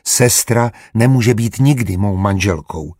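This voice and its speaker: A man's voice: fairly low pitch, a little mellow, slightly rough, no echo, clean studio sound. A man voicing a short-tempered widowed brother in an audiobook, speaking curtly with a raised voice. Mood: firm.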